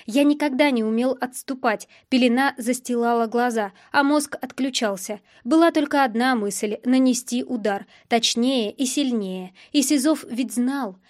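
A woman reading a first-person novel aloud as an audiobook narrator, in steady, plain storytelling. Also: fairly high pitch, normal speed, hardly any pauses.

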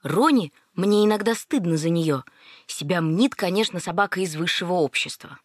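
Woman narrator, lower voice, lively wry storytelling, dry close mic. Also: normal speed, no echo. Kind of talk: first-person story narration.

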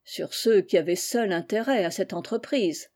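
Cunning stepmother queen for an audiobook, soft insinuating delivery, warm mellow tone, read by a woman. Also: mid-range voice, normal speed, lightly acted.

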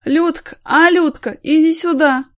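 A bitter, drunken former stage actor bellows and slurs his grievances, put on by a woman reader. His voice sits high and loud with a dry, close sound. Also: a little slow, dry recording, close to an everyday voice. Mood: drunken bellowing. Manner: slurred, shouting, self-pitying. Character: drunk bitter male ex-theatre actor, middle-aged.

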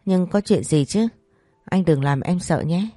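A woman voicing a frightened young pregnant wife, asking anxious, pleading questions in a low, dark voice. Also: measured pace, no room sound, clean studio sound, faint music behind.

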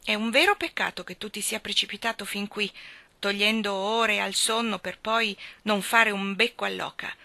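A woman reading aloud as a proud, sharp-tongued woman, indignant and cutting, pitched high. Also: moderate pace, gravelly, dry recording.

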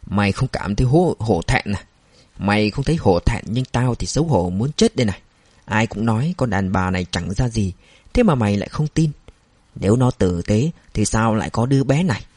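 A man voicing an angry, drunken older father who berates his son loudly and with slurred words. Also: on the low side, expressive, a little fast, slightly rough, no echo. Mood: scornful berating.

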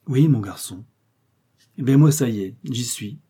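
Audiobook: male reader voicing a brawny heartbroken street tough, dark husky tone, exclamatory. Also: medium pitch, animated, a little slow. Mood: lovesick. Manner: emotional, pleading, exclamatory. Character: huge lovesick Parisian tough guy, grieving.

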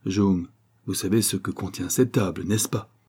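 A man's voice: low-pitched, moderate pace, mellow, husky. A man reading a grave solemn doctor. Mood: stern. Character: grave learned male doctor, solemn and stern. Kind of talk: audiobook character reading.

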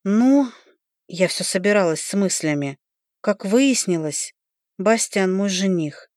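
A woman reading a first-person audiobook in an even, storytelling manner. Her voice sits at a middle pitch. The recording is dry and close, with no room sound. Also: unhurried, no echo. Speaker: audiobook narrator.

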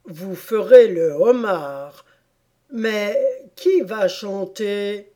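A woman reading an audiobook voices a weepy, sentimental sea-turtle creature with a drawn-out, plaintive delivery. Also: mid-range voice, lively intonation, mellow. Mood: doleful.

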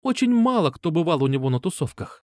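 A man reading an audiobook, voicing a sweet, coaxing schoolgirl who pleads softly. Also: on the high side, big pitch swings, brisk, dry recording, clean studio sound, voice pushed up. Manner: pleading, soft. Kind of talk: audiobook character voice.

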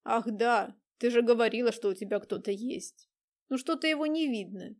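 A woman's voice: fairly high pitch, moderate pace, close to an everyday voice. A woman voicing a persistent young man who keeps pressing his question, in an audiobook. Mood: insistent. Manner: insistent questioning.

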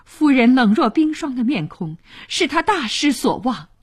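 A woman narrating a radio story in an expressive, dramatic way. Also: high-pitched, normal speed, slightly rough.

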